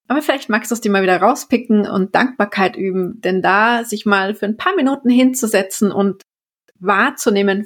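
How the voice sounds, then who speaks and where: A woman co-hosting a podcast, gently explaining mindfulness exercises and guiding the listener step by step. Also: medium pitch. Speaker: podcast co-host, works with children. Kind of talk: casual podcast conversation on mindfulness.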